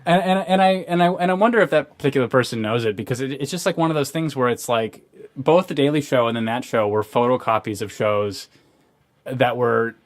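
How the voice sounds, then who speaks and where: A man's voice: medium pitch, fairly quick. A young man co-hosting a casual podcast, ranting sardonically with many restarts and fillers. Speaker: podcast co-host.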